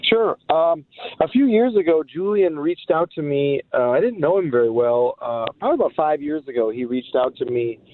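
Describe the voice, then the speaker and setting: A man's voice: fairly high pitch, expressive, normal speed. A man, a guest musician, chatting loosely in an interview while on a speakerphone call. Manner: chatty, loose, many fillers. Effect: tinny speakerphone line. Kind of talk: casual interview over the phone. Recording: dry tinny phone line.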